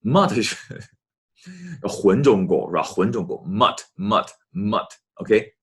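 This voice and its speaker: A man teaching an English lesson, often addressing his students and slowly repeating English phrases for them to copy. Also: lowish voice, animated, fairly bright tone, husky.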